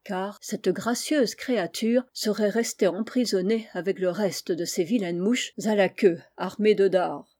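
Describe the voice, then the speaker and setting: A woman narrating a storybook in a measured, expressive reading. Her voice is warm and mellow at a middle pitch. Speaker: audiobook reader.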